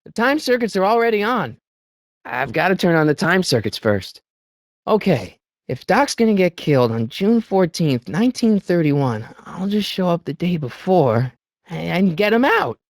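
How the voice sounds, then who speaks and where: A good-hearted, excitable teenage boy voices the hero of an adventure video game in animated style. His high voice swoops up and down at a moderate pace, with small hesitant stammers and an incredulous edge, sounding musing and curious. The recording is dry, with no room sound at all.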